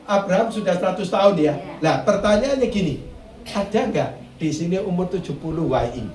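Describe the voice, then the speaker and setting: A male pastor giving a lively, joking sermon, often asking the congregation questions. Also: high-pitched, brisk. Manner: lively, jokey, asks the congregation questions, mixes in Javanese. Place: church. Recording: echoey church hall, mic at a distance.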